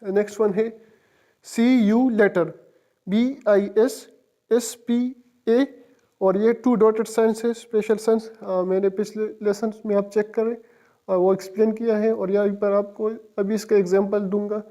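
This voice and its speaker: A man gives an online language lesson at an unhurried pace, his voice soft and mellow. He patiently spells words out letter by letter and repeats each pronunciation. His tone stays calm and explanatory. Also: sits high. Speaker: language teacher.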